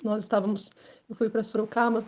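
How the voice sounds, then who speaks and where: Speaking briskly in a level, darkish voice, this woman from São Paulo state in Brazil shares her personal testimony at church. Her delivery is earnest and emotional, growing higher and more forceful as the story builds.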